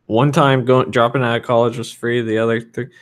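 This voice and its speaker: A man's voice: mid-range voice, level tone, a little fast. Frank rambling man in his thirties. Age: 30s. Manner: loose, rambling, frank with fillers. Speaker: developer answering viewer questions. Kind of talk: casual livestream Q&A.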